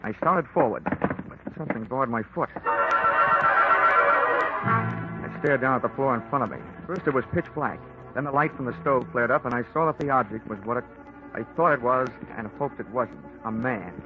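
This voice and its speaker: Heard through a muffled old radio broadcast with music, a man of medium pitch speaks at a normal pace in a natural voice. He plays a dry, wisecracking, hard-boiled insurance investigator who tersely narrates his own case in a 1940s radio drama.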